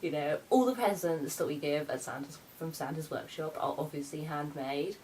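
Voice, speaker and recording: A woman plays Santa's campy, boastful daughter in a comic vlog. The voice sits fairly low for a woman, with theatrical, sassy, self-important delivery. There is noticeable background noise. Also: moderate pace, a little mellow, lightly acted, low-quality recording. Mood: chatty, smug. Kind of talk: in-character comic gift-guide vlog.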